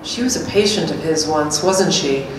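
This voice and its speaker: Playing a wry, anxious role in a staged two-hander, a middle-aged woman speaks in a low-pitched, natural voice at a moderate pace. The distant stand mic picks up the reverberant gallery room's hard walls and a bit of faint noise.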